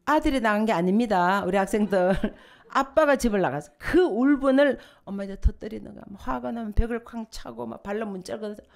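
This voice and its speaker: A woman's voice: medium pitch, brisk, vocal fry. An older woman, a pastor's wife, giving a sermon with humorous stories and sudden swells into fervent prayer. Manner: humorous, lively storytelling with sudden emotional swells. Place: church sanctuary.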